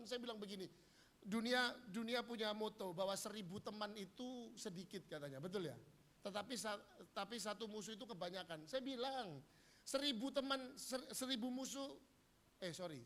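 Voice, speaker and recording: High-voiced preacher man. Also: fairly bright tone. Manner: humorous, acts out quoted dialogue. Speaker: pastor. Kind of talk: sermon. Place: church.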